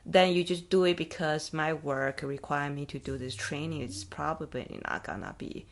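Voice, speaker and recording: A podcast host from Taiwan, a woman with a low voice and a Taiwanese accent, asks thoughtful questions at a normal pace in a casual interview. Her English has small grammar slips.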